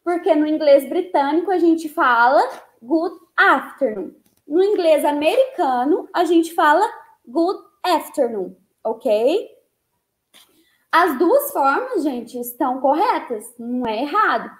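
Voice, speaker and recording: High-voiced woman teaching slowly, echoey room. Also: animated. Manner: explains slowly, repeats words, checks in with tá? and ok?. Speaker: English teacher. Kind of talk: live online English lesson.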